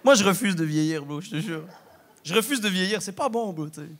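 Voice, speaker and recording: A young man with a Québécois French accent performing a stand-up comedy set, talking in a slangy, animated way peppered with swears. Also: high-pitched, fairly quick. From Quebec. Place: large theatre stage with live audience.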